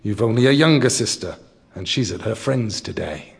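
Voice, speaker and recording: A man voicing a huge, menacing male troll who speaks in a slow whisper, like the wind. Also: lowish voice, lively intonation, vocal fry, husky, heavily acted. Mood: taunting.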